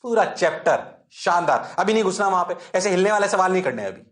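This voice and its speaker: Guy teaching physics, kinda high voice, quizzes the class nonstop, jokes at himself. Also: quick pace. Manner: lively, keeps checking the class understands; playfully answers his own questions in a low student voice. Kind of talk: online exam-prep lecture.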